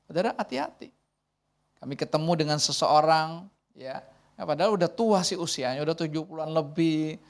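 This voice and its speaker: A woman in her forties, a pastor giving a lively sermon in a conversational, way, acting out quoted dialogue. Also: low-pitched, a little fast. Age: 40s.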